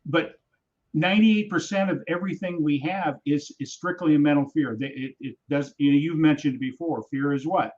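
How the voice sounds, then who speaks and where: A man's voice: a little high, normal speed, darkish tone, muffled recording. A man coaching in a motivational livestream chat, emphatic and repeating his key phrases. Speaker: business coach, guest. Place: home in Wisconsin.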